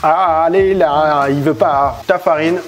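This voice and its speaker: A man's voice: fairly high pitch, slow pace, soft background music. A man hosting a casual cooking tutorial in a home kitchen, playful, jokey and chatty. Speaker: cooking vlogger.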